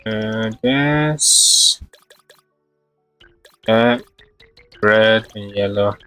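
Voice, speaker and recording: Speaking very slowly in a low-ish voice with a sharp tone, a man chats casually during a game livestream. Soft music plays underneath, there's no echo, and his thinking-aloud comes out in short, unsure fragments.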